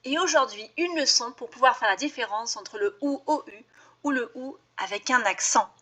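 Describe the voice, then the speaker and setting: A woman's voice: on the high side, normal speed, bright, forceful tone. A woman teacher, giving a patient spelling lesson for her video channel and explaining each rule with examples.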